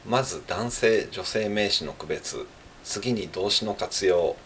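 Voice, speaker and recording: A man's voice: low-pitched, slow pace, fairly bright tone, slight background noise. A man from Japan with a Japanese accent, carefully practicing French pronunciation and repeating it in Japanese, drilling syllables one by one. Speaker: French learner. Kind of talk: language practice monologue.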